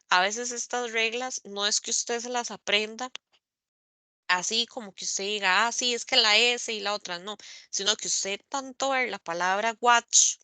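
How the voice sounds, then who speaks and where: A woman teaching English grammar in an online class, speaking slowly and carefully, spelling out letters and repeating examples. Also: mid-range voice, bright, forceful tone, no echo. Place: online meeting recording.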